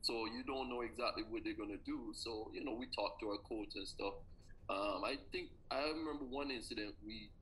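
Earnest and reflective, a Jamaican man in his forties who once competed and now coaches track shares personal stories during an interview. His voice sits on the low side, a bit bright, and moves fairly quickly. Slight background noise runs through a low-quality recording.

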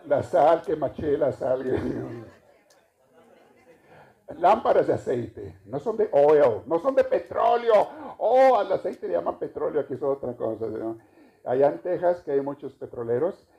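Gravelly-voiced priest joking through a homily. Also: male voice, on the high side, expressive, unhurried, some chatter behind. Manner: joking and chatty, asks the congregation questions. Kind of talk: homily at Mass. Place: church. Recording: dull lo-fi recording.

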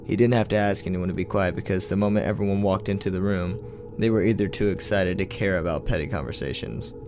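A man narrating a first-person horror story for a podcast in a measured, storytelling way. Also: sits low, fairly even intonation, over music.

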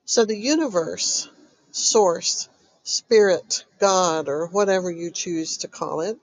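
Slow-paced, stuffy-voiced woman coach. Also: on the low side, no echo, low-quality recording. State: stuffy, recovering from covid. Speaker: host and recovery coach. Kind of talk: motivational self-help talk to listeners.

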